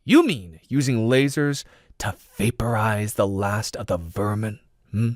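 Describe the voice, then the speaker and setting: A man's voice: lively intonation, unhurried, dry recording, studio quality. A man voicing an arrogant, defiant male military leader who talks in a brash, challenging way. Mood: smug. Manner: brash, challenging, rising pitch.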